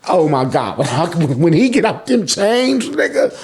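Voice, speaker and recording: Very animated yet slow, an American man with a fairly high, slightly mellow voice delivers a casual, slangy chapter recap as host of a manga review show. He swears freely and repeats phrases for emphasis.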